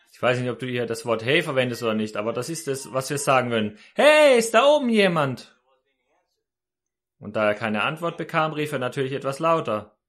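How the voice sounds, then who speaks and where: A man's voice: on the high side, pushed and bright. A man preaching a sermon, telling a story and speaking directly to his listeners.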